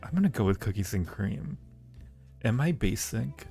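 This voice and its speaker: An audio roleplay creator hosts a live-stream Q&A, answering viewer questions casually in a playful, teasing, flirty way. His lowish, mellow voice has vocal fry and lively intonation at normal speed, with faint music behind.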